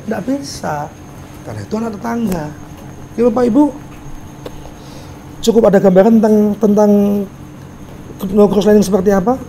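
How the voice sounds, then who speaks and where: High-voiced business mentor lecturing. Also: male voice, brisk, long pauses, a little hiss or hum. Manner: asks the audience rhetorical questions; acts out little dialogues in a softer voice.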